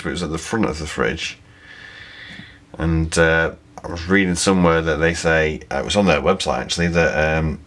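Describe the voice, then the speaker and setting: A man's voice: low-pitched, fairly bright tone, a little hiss or hum. A man reviewing a beer in a casual video, chatty and rambling, often thinking aloud and correcting himself.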